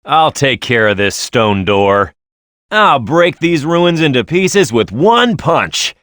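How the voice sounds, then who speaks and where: A man's voice: mid-range voice, big pitch swings, takes it slowly, fairly bright tone, no echo, studio quality. A man voicing a tough, hot-headed young echidna fighter in a video game, confident and punchy. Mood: confident, determined. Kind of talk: scripted video game character voice acting.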